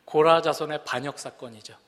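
A pastor preaching a sermon, earnest and building to impassioned emphasis. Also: male voice, on the high side, fairly even intonation, fairly quick, fairly bright tone. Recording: long reverb of a large hall.

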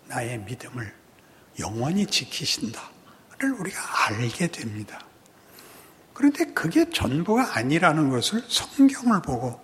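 A man preaching a sermon as pastor, swinging from hushed near-whispers to loud, impassioned outbursts in a dramatic, preacherly way. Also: a little high. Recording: long hall reverb.

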